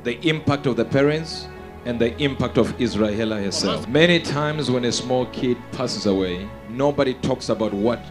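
A man's voice: medium pitch, normal speed. A middle-aged man giving a public eulogy, emphatic and repeating his phrases. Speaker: speaker at a funeral. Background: music.

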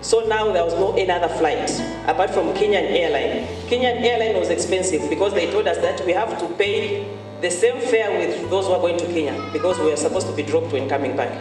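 A woman's voice: on the low side, fairly quick. A woman from Zambia, giving an earnest church testimony and repeating key phrases for emphasis. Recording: echoey hall, far from mic, music behind. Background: music.

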